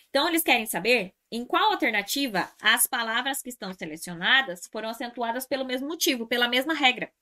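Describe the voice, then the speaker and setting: Brazilian lady teacher doing exam review, bright slightly high voice, goes step by step and repeats stuff a lot. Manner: explains step by step, repeats key terms, addresses students as "gente". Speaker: Portuguese language teacher.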